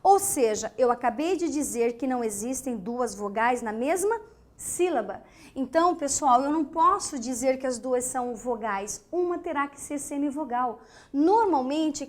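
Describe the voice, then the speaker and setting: A woman's voice: high-pitched, moderate pace. A woman with a Brazilian Portuguese accent teaching a grammar lesson. She keeps asking the class questions and then answers them herself. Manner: lively, asks students questions and answers them.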